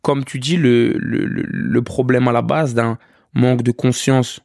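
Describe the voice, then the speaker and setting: A man in his twenties, a podcast guest from France, talking relaxed and reflective in casual conversation, often checking in with "you see". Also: medium pitch, unhurried, vocal fry, no echo, clean studio sound. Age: 20s. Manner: relaxed, many restarts and "tu vois".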